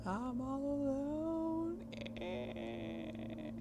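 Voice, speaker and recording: A husky-voiced woman rambles to her online viewers during a live stream, often laughing, trailing off and starting over. Her voice is high with wildly swooping pitch, she speaks extremely slowly, and the background is noisy.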